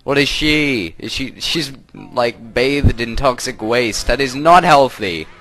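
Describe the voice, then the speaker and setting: A man's voice: mid-range voice, slow pace, fairly bright tone, soft background music. A young man doing casual, rambling let's play commentary, often cutting himself off. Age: young adult. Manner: rambling, self-interrupting, chuckly.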